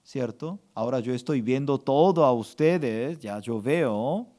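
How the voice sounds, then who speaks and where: A man's voice: medium pitch, a little slow, warm tone. A male pastor preaching a sermon with emphatic call-and-response, asking the congregation to repeat after him.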